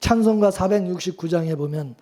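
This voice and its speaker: In a fairly quick, high-sitting voice, a male pastor fires rhetorical questions at his listeners during a sermon, moving between loud pleading and soft calm.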